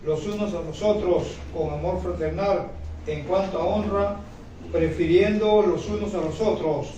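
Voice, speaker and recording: A man's voice: high-pitched, a little slow, dark tone. A man in the congregation calling out responses and reading scripture aloud. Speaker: congregation member. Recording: echoey, distant, dull with faint noise.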